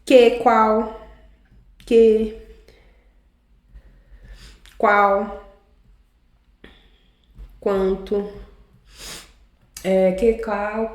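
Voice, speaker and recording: A woman's voice: medium pitch, darkish tone. Woman teacher in an echoey room. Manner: explains slowly, often tags sentences with a question. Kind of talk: online class lesson.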